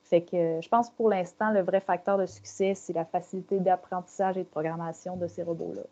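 A Québécois woman on a discussion panel, talking through her ideas with a soft, mellow tone. She pauses on fillers as she explains. The sound is dull and lo-fi, like a remote call. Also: lowish voice, fairly even intonation. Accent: Québécois French. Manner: thoughtful, explanatory, with many fillers. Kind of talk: round-table discussion.

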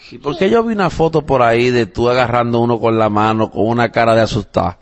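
This podcast host and father from Puerto Rico talks fast in a mid-range voice while chatting with his young daughter. The family show is casual, and he speaks with a Puerto Rican Spanish accent, lots of fillers, and the odd English phrase.

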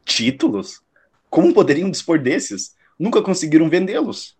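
A man playing a shrewd, self-assured detective in a radio drama, analytical, probing and slightly condescending in a measured delivery. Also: on the high side, big pitch swings, darkish tone, slightly rough.

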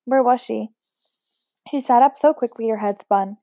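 A woman reading a novel aloud at a steady pace, unpolished, with occasional slips and restarts. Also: on the high side, normal speed, no echo. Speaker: audiobook reader.

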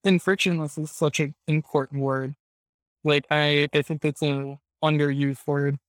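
Even-toned, higher-voiced male discussion host. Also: a little slow, no echo, clean studio sound. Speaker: host of a live audio discussion. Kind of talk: casual, conversational moderating.

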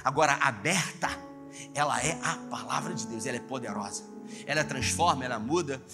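Dynamic pastor preaching over music. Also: male voice, medium pitch, brisk, creaky. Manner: dynamic preaching, swings between loud emphasis and hushed asides. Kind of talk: sermon.

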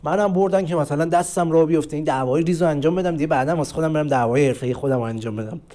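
A young man telling crude, slangy stories in a casual monologue and acting out the people he quotes. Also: fairly high pitch. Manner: slangy, crude street talk with lively acted quotes.

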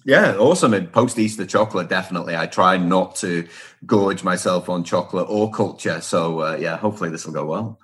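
This podcast guest, a middle-aged man from Liverpool, England, who speaks and writes about workplace culture, responds conversationally with emphatic repeated phrases and lists. He talks fairly quickly in a low, somewhat bright voice with a breathy edge.

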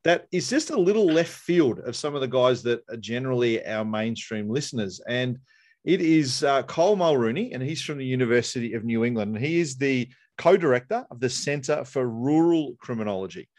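A man's voice: mid-range voice, lively intonation, brisk, a little mellow. An Australian man hosting a podcast, chatty and casual, calling people mate. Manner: chatty, uses 'mate'. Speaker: podcast host.

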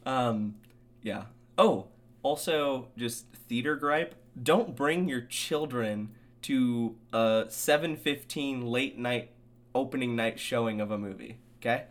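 A man's voice: medium pitch, slow. Young man ranting and laughing. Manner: animated ranting, laughing often. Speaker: podcast co-host. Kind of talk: casual chat.

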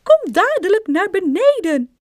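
A woman's voice: on the low side, big pitch swings, slow pace, a little mellow, slightly rough, full character voice. A woman reading aloud and voicing a panicky little wife who has been turned tiny and winged, squealing and sobbing her lines. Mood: shrill alarm. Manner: squealing, sobbing and crying out in alarm.

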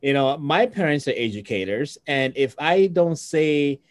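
A man talking casually as an interview guest, thinking aloud with pauses and tag questions. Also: on the high side, lively intonation. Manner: thoughtful, pauses often, asks tag questions.

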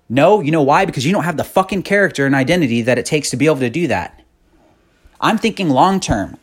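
Husky, blunt man in his thirties. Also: on the high side. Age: 30s. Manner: blunt, profane, increasingly fired-up. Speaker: podcast host. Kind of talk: motivational monologue.

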